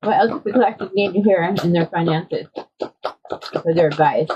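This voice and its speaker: A woman's voice: fairly low pitch, moderate pace, background noise. Casual woman tarot reader. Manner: conversational, often checking in with "okay?". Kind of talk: casual tarot reading for viewers. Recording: dull lo-fi audio.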